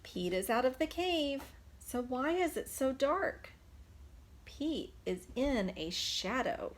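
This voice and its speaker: A female preschool teacher reads a picture book aloud during children's storytime, her high voice slow and sing-song. She reads expressively and asks the young children simple questions.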